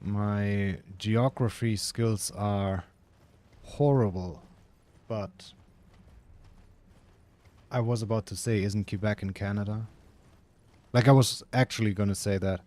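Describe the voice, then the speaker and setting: A man's voice: fairly low pitch, steady tone, slow pace, pauses often, darkish tone. A man with a German accent giving casual, chatty commentary while gaming, saying "like" often and swearing freely. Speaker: streamer.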